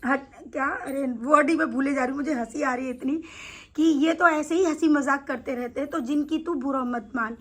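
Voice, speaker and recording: A woman voicing a kind young goddess who talks softly and coaxingly. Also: high voice, a little fast. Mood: soothing.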